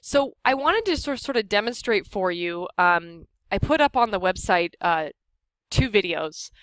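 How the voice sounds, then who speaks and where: An American woman instructs a workshop at a medium pitch. She explains software in an informal, conversational manner. The sound is dry, with very little room in it. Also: animated, a little slow, no room sound. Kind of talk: informal software tutorial for a live group.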